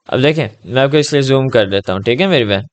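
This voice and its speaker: Gentle man tutoring over a video call. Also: medium pitch, animated. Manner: gentle, reassuring, repeats "ٹھیک ہے؟" often. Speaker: Arabic tutor. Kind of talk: patient one-on-one online lesson.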